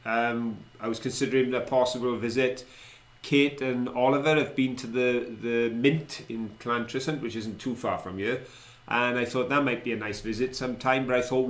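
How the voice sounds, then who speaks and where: A middle-aged man with a Valleys accent from South Wales chats informally as co-host of an online show. His voice sits at an average pitch for a man. The sound is roomy, with noticeable echo. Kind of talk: casual chat with viewers. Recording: roomy, echoey indoor sound.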